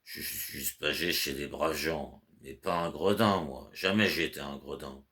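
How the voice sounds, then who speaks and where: A man's voice: very deep voice, moderate pace, pushed and bright. A man voicing a drunken, stubborn male servant who denies everything indignantly. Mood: sulky.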